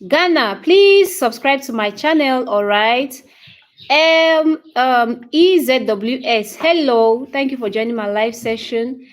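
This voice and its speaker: Woman, thirties, Cameroonian English accent, fairly high voice, slow unhurried delivery, livestream teacher, repeats herself, checks in with "okay?". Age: 30s. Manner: greets viewers by name and answers their comments one by one. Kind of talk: casual livestream chat.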